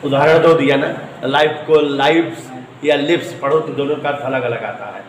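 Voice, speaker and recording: A man's voice: mid-range voice, fairly even intonation, normal speed, roomy sound, slight background noise, rough recording. A man teaching a physics class, spelling out words letter by letter and asking his students questions as he goes. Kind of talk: classroom lecture.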